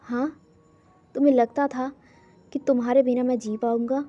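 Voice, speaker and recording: A man's voice: extremely high pitch, completely flat delivery, unhurried, dark tone. A man voicing a young man who scolds and pleads with his lover, in a reproachful, pleading manner. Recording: dull lo-fi recording, faint music.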